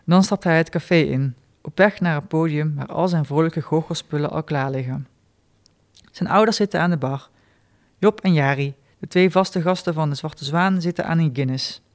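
A man reading his short stories aloud in a dry, deadpan way, with small spoken asides. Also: fairly high pitch, normal speed.

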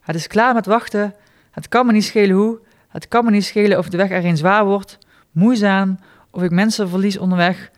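A man's voice: on the high side, measured pace, a little mellow. A man voicing Harry, a fortyish mortgage adviser who solemnly and fervently vows to become a wizard. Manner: solemn, fervent self-pep-talk.

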